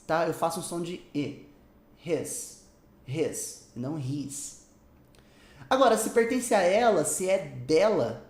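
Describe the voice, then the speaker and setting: A man teaching an English lesson, animated and drawing out example words slowly for his students. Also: a little high. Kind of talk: explanatory language lesson. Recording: echoey room.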